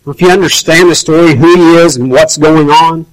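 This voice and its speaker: Conversational preacher, fairly high male voice. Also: steady tone, a little fast, poor audio. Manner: conversational, acts out quoted voices. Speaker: pastor. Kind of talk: sermon.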